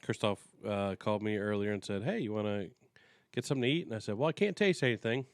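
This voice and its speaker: A man's voice: fairly low pitch, quick pace, dry recording, clean studio sound. A man co-hosting a podcast in casual chat, congested with a head cold, joking and laughing often as he stumbles over his words. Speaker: podcast co-host.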